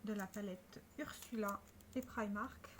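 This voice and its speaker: A woman's voice: medium pitch, a little slow, slight background noise. A French-speaking woman talking casually to camera about her makeup, chatty and showing each product with small restarts. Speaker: beauty vlogger.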